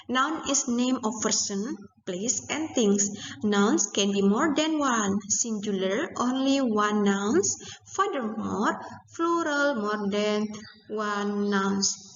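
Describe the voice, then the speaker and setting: A woman with an Indonesian accent teaching English grammar, slowly spelling out letters and repeating examples. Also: a little high. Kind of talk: explaining English grammar lesson. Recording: roomy, reverberant, dull with faint noise.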